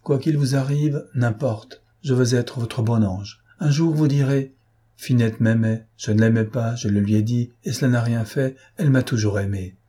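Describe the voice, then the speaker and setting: A man voicing a gentle young woman servant who speaks softly and with gentle reproach in an audiobook. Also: mid-range voice, normal speed, husky, lightly acted. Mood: tender, rueful. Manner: soft, pleading and gently reproachful. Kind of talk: audiobook character voice.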